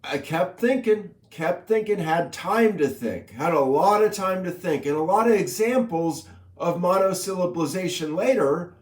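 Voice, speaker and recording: A man's voice: sits high, reverberant. A man casually explaining a number system he invented, in a playful, teasing way, reciting long lists of coined number words.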